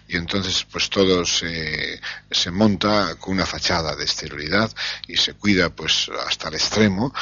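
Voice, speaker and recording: A man answering interview questions in a slow, thoughtful way, pausing often to find his words. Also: sits low, creaky, bright, forceful tone, slightly rough, lo-fi sound. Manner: slow, thoughtful, with frequent hesitations. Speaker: interview guest.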